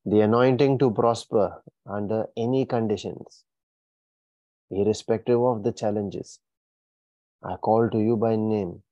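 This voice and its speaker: A man's voice: on the low side, fairly even intonation, a little slow, pauses often, no echo, highs cut off. Man commanding a fiery deliverance prayer. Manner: forceful commanding declarations with rising bursts. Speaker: prayer leader.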